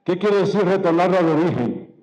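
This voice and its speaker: A man giving a political speech to party members, measured and emphatic, posing rhetorical questions and repeating key phrases. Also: high voice, lively intonation, darkish tone, rough recording. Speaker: political speaker.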